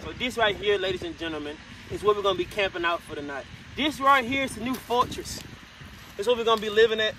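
Young male vlogger, Texas accent, high pitch, loose joking street banter over loud outdoor noise. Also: animated, fast talker. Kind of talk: casual vlog chat. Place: outdoors by city streets and water.

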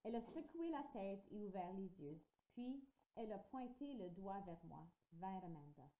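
A woman reading a children's novel aloud at home, with expressive, lively storytelling, in a dull lo-fi recording. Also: mid-range voice, moderate pace, slight background noise. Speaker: audiobook reader.

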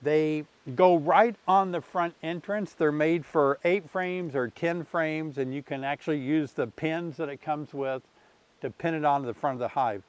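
Beside his hives, a man in his sixties hosts a laid-back beekeeping tutorial, chatting amiably with fillers. His voice is on the high side and a little slow, recorded without echo on a lapel mic.

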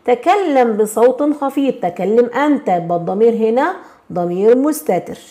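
A woman with an Egyptian accent teaching a grammar lesson, constantly checking in with questions and slowing down to stress example words. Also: fairly high pitch, lively intonation, mellow. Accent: Egyptian Arabic. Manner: slows and stresses words when reading examples.

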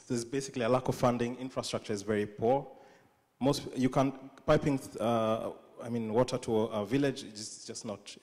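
A man's voice: medium pitch, a little mellow. A young man with a Kenyan accent giving a live conference talk on a stage with a handheld mic, humorous and self-deprecating, often restarting his sentences. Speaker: conference speaker. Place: large dark auditorium stage. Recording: long reverb of a hall.

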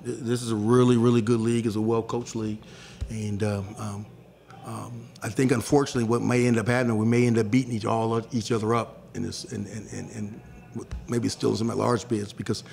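A man's voice: lowish voice, flat delivery, a little fast, gravelly, darkish tone. A middle-aged man, a head basketball coach, talking candidly and emphatically at a postgame press conference, often restarting his sentences, into a table mic in a press room. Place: press room in front of a sponsor backdrop.

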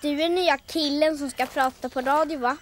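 A woman's voice: high voice, fairly even intonation, a little hiss or hum, close to an everyday voice. An actress playing a blunt, pleading young girl, the daughter of a policeman. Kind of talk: film drama acting.

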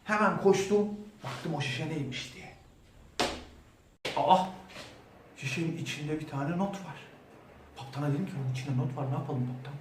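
A man's voice: fairly high pitch, moderate pace, pauses often. A man telling a children's story in a playful, theatrical way, as a clown doctor. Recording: roomy echo, mic at a distance, faint background hum.

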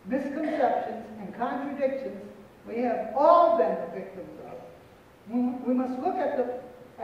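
Older male panel speaker, solemn and deliberate, high voice, far off in a big echoing auditorium. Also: slight background noise. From Pequot territory, New England. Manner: solemn, deliberate, repeats phrases for emphasis. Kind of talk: prepared speech at a panel. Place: auditorium stage, large indoor hall. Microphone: far room mic. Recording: echoey hall from far off, dull.

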